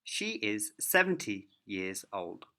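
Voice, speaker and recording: A man teaching a beginner English lesson, speaking each word clearly and deliberately. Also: fairly low pitch, sing-song, pushed and bright. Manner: clear, careful word-by-word delivery.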